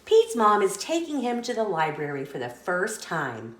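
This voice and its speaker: A woman acting as a story host reads a children's picture book aloud in an expressive, deliberate storytelling style. Her voice is mid-range, and the room sounds echoey.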